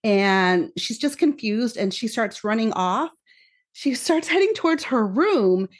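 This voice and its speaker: A woman with a fairly high voice speaks as a podcast guest. She recaps scenes with lively emotion and slips into the characters' lines and her own remembered reactions. The tone stays casual and chatty. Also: unhurried. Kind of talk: casual chat recapping a show.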